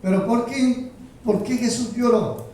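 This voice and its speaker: A male pastor delivering a slow, emphatic sermon and asking rhetorical questions of the congregation. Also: extremely high pitch, steady tone, dark tone. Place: church sanctuary. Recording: roomy echo, heard from a distance.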